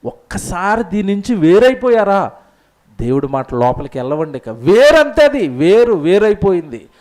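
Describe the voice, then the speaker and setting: A male pastor delivers a sermon in a high voice. He swings between fiery, loud bursts and quiet, close asides to his congregation. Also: sing-song, moderate pace.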